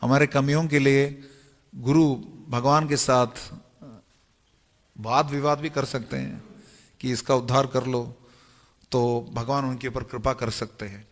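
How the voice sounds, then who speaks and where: A religious storyteller gives a devotional sermon in a temple hall with heavy echo, alternating retold tales, explanations, and chanted verses. He speaks in a mid-range, flat voice at a measured pace with long pauses.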